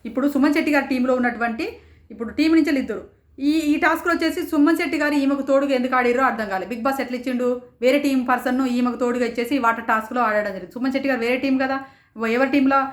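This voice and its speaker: A woman reviewing a reality show in rapid, indignant commentary, firing off rhetorical questions. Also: high-pitched, steady tone, roomy sound. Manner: rapid, rhetorical, indignant, quotes others in raised voices. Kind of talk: passionate commentary.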